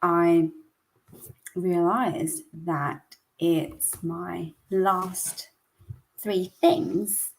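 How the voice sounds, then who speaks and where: A woman's voice: on the low side, fairly even intonation, very slow, creaky, pauses often. A woman in her early thirties hosting her weekly vlog, talking casually and emphatically, drifting into a rant. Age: 30s. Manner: chatty, rambling, ranting, emphatic. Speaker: coach and weekly vlog host. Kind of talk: casual talk to camera.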